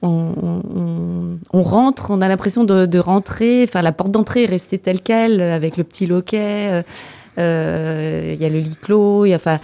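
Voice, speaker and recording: A woman's voice: lowish voice, normal speed, creaky, warm tone. A woman, a village deputy mayor, describing a local café in a hesitant way, full of fillers and restarts. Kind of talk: radio interview.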